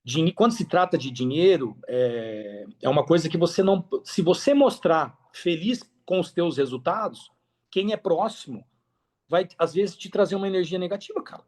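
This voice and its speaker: A Brazilian affiliate marketer tells his story as a podcast guest, sprawling and slangy, repeating points for emphasis in a casual interview. His voice is on the high side and expressive, at a normal speed with a darkish tone.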